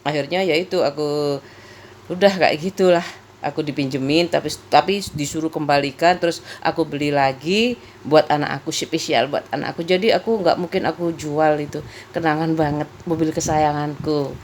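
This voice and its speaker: A woman's voice: low voice, normal speed, a little mellow, slight background noise. A middle-aged woman, chatting casually in her vlog and laughing often. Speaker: vlogger. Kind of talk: casual chat.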